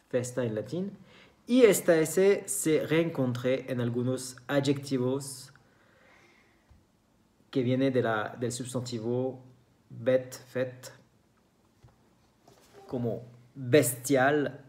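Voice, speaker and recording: Slow, careful teacher. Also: medium pitch, a little mellow. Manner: slow and careful, repeats each example word. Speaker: French teacher. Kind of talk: beginner language lesson.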